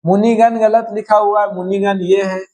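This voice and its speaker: In a slow lesson correcting Hindi spelling, a man works through the words one at a time, frequently asking his students "है ना". His voice is high, steady, and warm at a normal speed, though the recording is low-quality.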